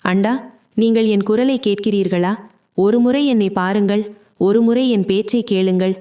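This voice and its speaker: A woman's voice: mid-range voice, fairly even intonation, unhurried, warm tone, clear, resonant tone, close to an everyday voice. A woman reading a desperate young sister who pleads to be seen and heard. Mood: pleading.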